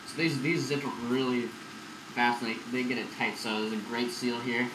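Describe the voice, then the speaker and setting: A man's voice: mid-range voice, normal speed. A young man talking through a gas mask in a casual, rambling way, showing off a piece of gear. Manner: relaxed, rambling, filler-heavy. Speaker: gas mask collector vlogger. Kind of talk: casual product demo. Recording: echoey room, loud background noise.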